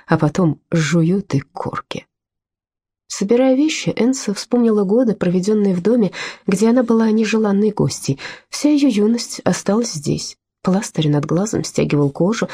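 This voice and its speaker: A woman narrating an audiobook in a measured storytelling manner. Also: mid-range voice, warm tone, husky. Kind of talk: scripted narration.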